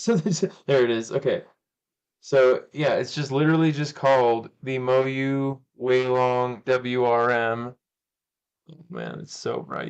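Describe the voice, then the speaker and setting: A man's voice: mid-range voice, vocal fry, smooth, dull audio. A man hosting a live stream, chatting casually and rambling, often correcting himself and laughing. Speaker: cubing channel host.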